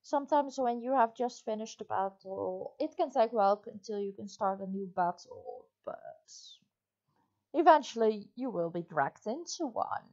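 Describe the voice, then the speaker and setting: A woman's voice: on the high side, expressive, moderate pace, darkish tone, lo-fi sound. A woman giving casual gameplay commentary, talking through what she is doing. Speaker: gamer commentator. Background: faint game music.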